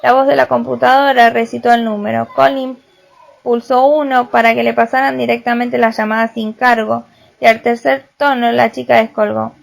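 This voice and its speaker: A woman reading a novel aloud as an audiobook narrator, with a steady storytelling delivery. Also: a little high, moderate pace, vocal fry. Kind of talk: scripted narration.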